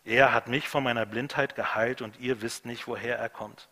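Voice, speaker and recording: A man's voice: mid-range voice, fairly even intonation, normal speed, sharp tone, in a large hall. A preacher voicing a defiant young man, once blind. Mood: indignant. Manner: impatient, plain-spoken retorts.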